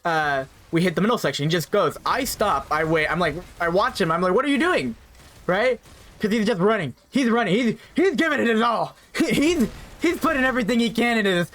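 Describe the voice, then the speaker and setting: High-voiced young man telling a story. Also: a bit bright. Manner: rambling, repeats words, frequent "right?" asides. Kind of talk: casual spoken storytime.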